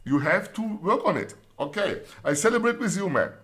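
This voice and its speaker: A man's voice: high voice, sing-song, fairly bright tone. A man with a German accent hosting a trading channel, reading viewer comments in casual, encouraging talk full of fillers and restarts. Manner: halting, many fillers and restarts, repeats set phrases; upbeat, encouraging.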